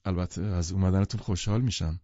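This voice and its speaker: A man's voice: sits low, fairly even intonation, mellow, no room sound, natural voice. A man voicing an eager, anxious-to-please host. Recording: dull lo-fi studio recording.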